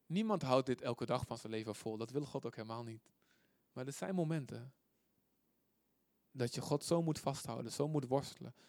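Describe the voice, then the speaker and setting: A man preaching a sermon, reading scripture out loud with force and dropping to quiet asides, often putting questions to his listeners. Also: medium pitch, moderate pace, vocal fry, long pauses, no room sound. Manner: asks the audience questions often.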